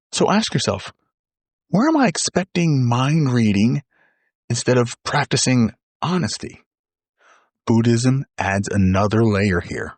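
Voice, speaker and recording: A man's voice: medium pitch, dry recording. A man hosting a motivational podcast, talking earnestly and emphatically, often repeating words for stress. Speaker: podcast host.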